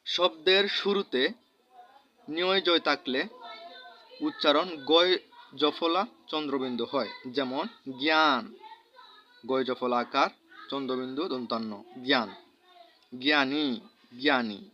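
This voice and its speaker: Man, Bangladeshi Bengali accent, grammar lesson, bright tense voice, repeats examples, muffled recording. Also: mid-range voice. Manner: slow, repeats each example word. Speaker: teacher. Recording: dull lo-fi recording.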